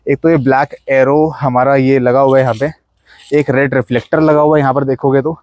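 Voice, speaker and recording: A man's voice: mid-range voice, little pitch movement, brisk, darkish tone, dry recording. A young man with an Indian accent giving a casual, chatty walkaround of his modified car, pointing things out as he goes. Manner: chatty, mixes Hindi and English, points things out.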